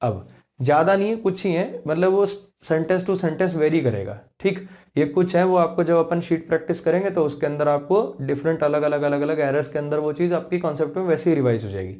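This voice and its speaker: A man's voice: on the high side, animated, mellow. A man with an Indian accent teaching English grammar, who explains patiently, repeats himself and keeps checking that his students follow. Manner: slows right down to spell out English example sentences. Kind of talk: classroom lesson.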